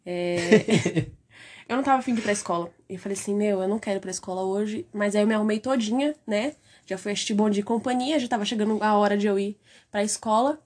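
A woman's voice: mid-range voice, fast. A young woman, co-hosting a podcast and telling childhood stories with lots of laughter. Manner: giggly, animated storyteller. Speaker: podcast co-host. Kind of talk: casual podcast chat.

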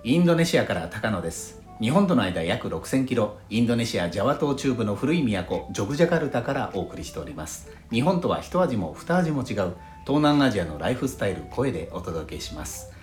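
A man from Fukushima with a low voice and lively pitch hosts a solo audio podcast in a calm, measured way. His voice sits in a roomy space with faint music underneath. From Fukushima, Japan. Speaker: podcast host.

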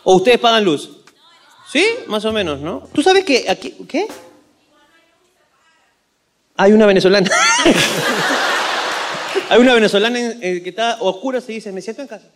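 Lively high-voiced man telling a story. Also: fairly quick, pauses often, very noisy. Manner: lively storytelling with laughs and mock accents. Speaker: comedian co-host. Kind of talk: comedy podcast banter.

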